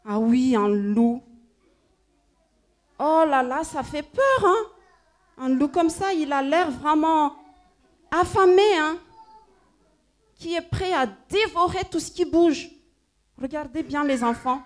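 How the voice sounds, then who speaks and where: High-voiced woman telling children a story. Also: slow, pauses often. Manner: animated, addresses children with questions. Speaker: children's storyteller at a church service. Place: church.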